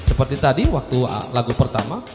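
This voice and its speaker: A man's voice: medium pitch, very animated, a little fast. A man hosting a keyboard tutorial, explaining step by step in a casual way and often stopping with fillers. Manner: addresses viewers as friends, explains step by step with fillers. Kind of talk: casual instructional talk. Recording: roomy echoey sound with keyboard music behind. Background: church keyboard accompaniment playing.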